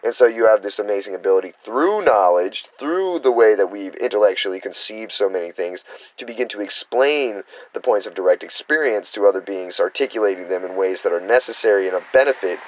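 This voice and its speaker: An American man delivers an unscripted spiritual teaching monologue, rambling and earnest, now and then acting out quoted reactions. His fairly low voice is expressive and a little fast, on a dry, lo-fi recording.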